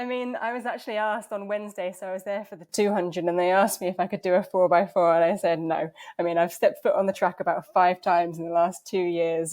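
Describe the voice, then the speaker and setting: A woman's voice: fairly low pitch, darkish tone. A young adult woman answering podcast interview questions in a chatty way, laughing easily and often restarting her sentences. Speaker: podcast guest, transplant athlete.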